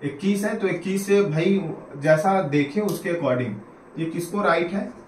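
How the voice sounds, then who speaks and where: A man's voice: high voice, unhurried, reverberant, a little hiss or hum, poor audio. A man from Uttar Pradesh, India, giving a casual exam-prep lecture who explains things step by step and keeps checking in with "right?" and "okay?". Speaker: teacher-exam coach.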